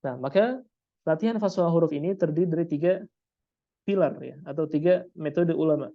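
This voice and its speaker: A man teaching Quran recitation, drilling Arabic letter sounds slowly and dropping a filler "ya" between phrases. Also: fairly high pitch, vocal fry. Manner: peppers sentences with a filler "ya". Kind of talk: online lesson on Arabic letter pronunciation. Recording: dull lo-fi recording.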